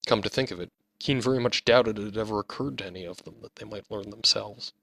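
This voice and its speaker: A man reads his own fantasy novel aloud in a measured, steady storytelling manner. His voice is on the low side with a gravelly rasp and a bright edge, and the recording is dry and close. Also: no room sound. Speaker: author narrating his own audiobook. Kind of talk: scripted audiobook narration.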